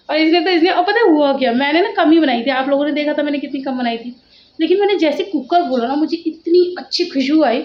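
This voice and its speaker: Woman, 30s, from India, home vlogger, high pitch, rambling casual chat, slightly dull phone audio. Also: a little hiss or hum. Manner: chatty, rambling, says "matlab" often. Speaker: vlogger and mother. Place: home kitchen and rooms.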